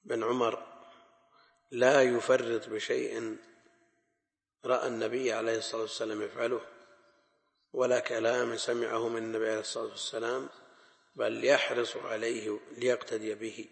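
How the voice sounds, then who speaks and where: A man with a gravelly, creaky voice teaches a classical Arabic lesson on hadith. He explains in a measured way, repeating key phrases for emphasis. His voice rings out with a long reverb, as in a large hall. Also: medium pitch, level tone. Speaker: Islamic scholar teaching hadith.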